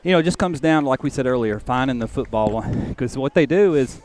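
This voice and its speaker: A man working as play-by-play announcer, briskly calling a live football game at an outdoor stadium. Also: mid-range voice, lively intonation, a little mellow. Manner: brisk, calls plays as they happen.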